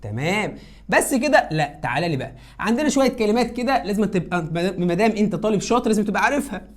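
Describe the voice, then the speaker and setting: A woman's voice: medium pitch, expressive, very fast. Egyptian woman teacher, drilling a grammar lesson with coaxing repeated cues. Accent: Egyptian Arabic. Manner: coaxing, repeats cues and answers her own questions. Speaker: English teacher.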